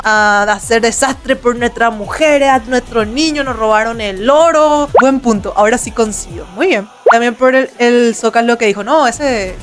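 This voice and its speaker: A young woman with a fairly high voice and a Paraguayan accent talks like a cute anime streamer. Her delivery is playful and casual, as if commenting to viewers. Music plays behind her. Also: a bit bright. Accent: Paraguayan Spanish. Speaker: VTuber streamer.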